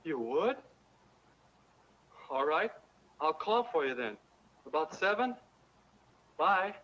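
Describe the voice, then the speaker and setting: Casting: earnest, awkward young American man, high voice, stiffly polite, noisy old educational film soundtrack. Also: sing-song, slow, highs cut off. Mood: polite, nervous. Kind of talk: 1950s educational film acting.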